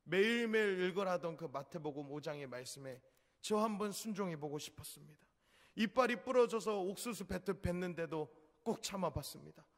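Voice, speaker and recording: A man's voice: high voice, animated, a little fast, long reverb tail, pitched above the performer's own voice. A man voicing a weeping middle-aged homeless man, once a brawler, who pleads in raised emotional outbursts. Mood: anguished pleading.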